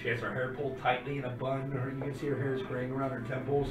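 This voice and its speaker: A man's voice: medium pitch, flat delivery, quick pace. A man running a tabletop role-playing game, narrating and improvising as game master. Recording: roomy, distant mic with music behind.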